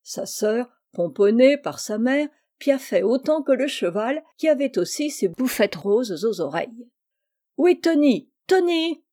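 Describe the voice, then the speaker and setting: Mellow-voiced woman reading a children's tale. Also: on the high side. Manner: measured, expressive storytelling. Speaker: narrator. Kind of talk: audiobook reading of a classic children's story.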